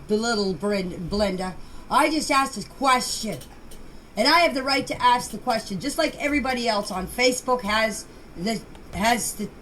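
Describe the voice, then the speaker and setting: In off-the-cuff voice messages to a group chat, a woman of middle age or older sounds defensive and insistent, her voice a little high and fairly bright. She halts, trips over words and names, and repeats herself, all in a noisy amateur recording.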